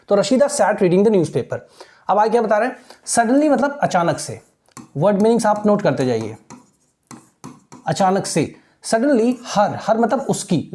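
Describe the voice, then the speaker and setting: Woman teaching in a mellow voice. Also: mid-range voice. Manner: mixes languages, reads English slowly then explains quickly; asks rhetorical questions, checks in with listeners. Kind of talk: exam-prep lesson.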